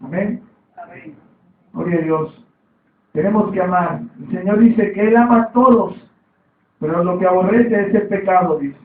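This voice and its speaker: A man's voice: high voice, moderate pace, long pauses. A man preaching a sermon, repeating his points and calling for amens. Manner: repetitive, calls for amen. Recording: echoey, distant, phone-like sound.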